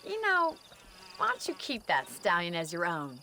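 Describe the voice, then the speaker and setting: A woman's voice: fairly low pitch, wildly swooping pitch, normal speed, sharp tone, heavily acted. An actress playing a plucky, commanding female rancher with an American accent in a western video game, forthright and folksy. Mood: grateful. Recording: clear outdoor noise behind the voice.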